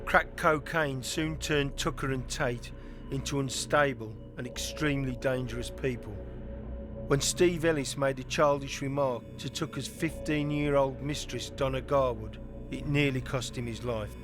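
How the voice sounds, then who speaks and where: A man giving scripted, measured true-crime documentary narration. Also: medium pitch, steady tone, music in the background.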